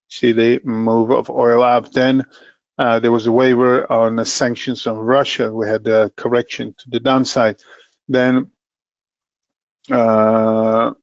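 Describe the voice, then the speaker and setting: A middle-aged man presenting a trading webinar as an account manager, talking plainly with many pauses and fillers and a dry sense of humor. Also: medium pitch, dry recording. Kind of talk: educational market webinar. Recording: dull lo-fi dry webinar audio.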